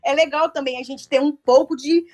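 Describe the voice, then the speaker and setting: Female guest, high voice, chatty and playful, interview banter. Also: fairly even intonation, a little fast, darkish tone. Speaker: celebrity guest. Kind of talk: casual radio interview.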